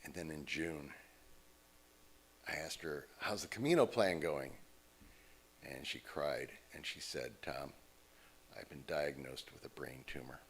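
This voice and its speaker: An American man appears as a guest at a church service, giving an informal talk from the pulpit in which he tells stories conversationally and voices the people he quotes. His voice is a rumbling low, a little slow, with frequent pauses and slight background noise.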